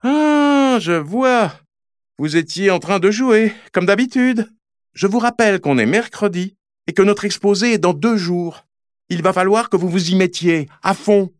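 A man's voice: high-pitched, a little fast, dry recording, clean studio sound, pitched above the performer's own voice, natural voice. A man doing a bossy, prim schoolgirl. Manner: bossy, lecturing.

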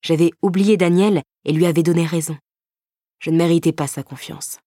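Low-voiced woman narrating a novel. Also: moderate pace, warm tone, dry recording, clean studio sound. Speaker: audiobook narrator. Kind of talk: first-person novel narration.

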